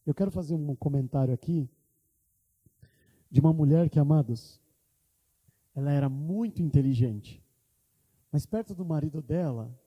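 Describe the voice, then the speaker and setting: Impassioned pastor in echoing church. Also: male voice, on the high side, dark tone. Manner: impassioned preaching, quoting prayers aloud. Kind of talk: sermon. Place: church hall. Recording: church hall reverb.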